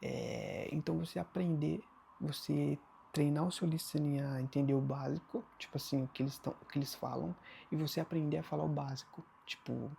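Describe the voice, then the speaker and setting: A man's voice: on the high side, a little fast, gravelly, dark tone, a little hiss or hum. A Brazilian man with a Brazilian Portuguese accent, giving casual vlog advice in a loose, rambling way full of fillers. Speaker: vlogger. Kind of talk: casual talking-head advice.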